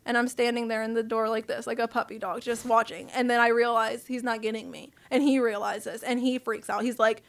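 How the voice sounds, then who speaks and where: Candid woman with a higher voice. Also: brisk, vocal fry, hardly any pauses. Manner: candid, profane, animated storyteller. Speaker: podcast guest. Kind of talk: casual storytelling.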